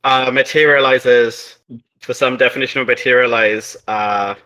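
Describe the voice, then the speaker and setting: A man runs a tabletop game as its game master. He narrates in a loose, rambling way with plenty of hesitant fillers. His tone is tense and very bright. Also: medium pitch, fairly even intonation, normal speed, poor audio.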